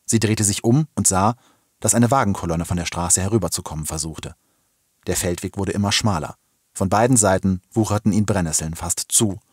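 A man podcast host giving an expressive, dramatic reading of a novel excerpt. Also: sits low, normal speed, slightly rough, no room sound, clean studio sound.

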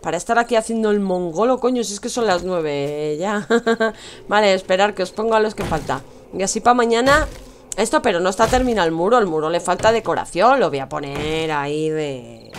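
Young Spanish woman streamer, teasing, chatty, mid-pitched voice. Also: a little hiss or hum. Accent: Spain Spanish. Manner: chatty, teasing, addresses chat, laughs often. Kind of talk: casual gameplay commentary.

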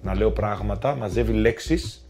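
A man's voice: on the low side, music in the background. A man on a reality show, defending himself insistently in a heated argument and cutting in often. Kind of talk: heated argument and confessional talk.

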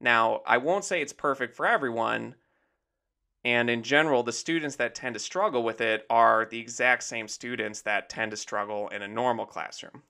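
A man with a bright, ringing voice gives a relaxed screen-share tour of his site. He explains at an easy pace, like a math teacher talking his students through something. His fillers are "basically" and "essentially". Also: mid-range voice, moderate pace, vocal fry. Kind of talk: casual screen-share walkthrough.

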